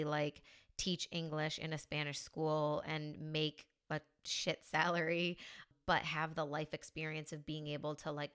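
A woman's voice: deep voice, fairly bright tone, smooth. Chatty young woman podcast host. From United States. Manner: chatty, upbeat, many fillers like "like" and "you know". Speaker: podcast host and mindset coach. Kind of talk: casual podcast monologue.

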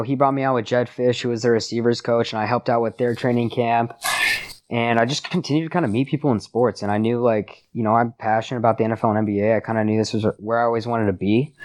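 Young American male podcast guest, mid-pitched, casual bro-style storyteller, lots of "dude.". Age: young adult. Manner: laid-back bro talk peppered with "dude" and "like". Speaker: podcast guest, sports podcast host. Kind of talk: casual chat, telling stories.

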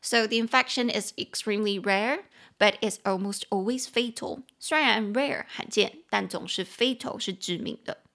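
A woman with a Taiwanese Mandarin accent hosting an English-lesson podcast, reading English sentences slowly, then explaining and spelling them in a chatty way. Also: medium pitch, creaky, a bit bright. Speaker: English teacher and podcast host. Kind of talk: bilingual language-lesson podcast.

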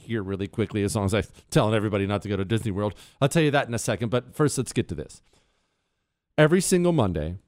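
A man's voice: on the low side, darkish tone, no room sound, studio quality. Emphatic American talk radio man. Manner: emphatic, repeats phrases for effect. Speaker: radio talk show host. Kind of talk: casual opinionated monologue.

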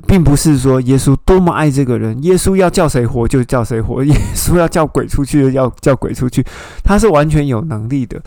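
A man's voice: medium pitch, creaky, mellow, no room sound. A man teaching a Bible study. He explains scripture, retells its scenes and asks his listeners questions.

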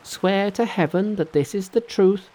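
A male storyteller voicing a bold, fierce male monkey hero who commands and threatens loudly. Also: sits high, unhurried, pitched above the performer's own voice, rough recording. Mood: brusque, fierce.

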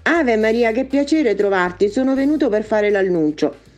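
A woman's voice: fairly low pitch, big pitch swings, normal speed, warm tone, soft background music. Woman doing an exasperated male angel who keeps insisting. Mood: insistent. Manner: earnest, insistent. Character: the archangel Gabriel, flustered, persistent male angel.

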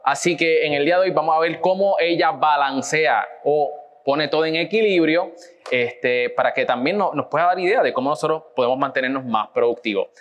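A man hosting a business podcast, upbeat and lively, with frequent fillers as he introduces a guest and interviews her. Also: fairly high pitch, fairly quick, lo-fi sound. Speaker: podcast host.

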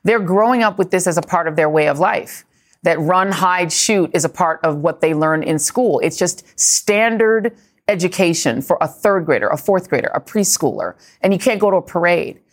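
Low-voiced woman news host. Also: lively intonation, normal speed. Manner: pointed, probing questions. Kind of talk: live news interview.

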